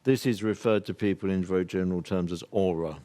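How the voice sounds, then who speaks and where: A man's voice: deep voice, fast, warm tone. Earnest older British man lecturing. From United Kingdom. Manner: earnest, emphatic, rambling with laughs and restarts. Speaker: workshop speaker. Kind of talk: live workshop talk to an audience.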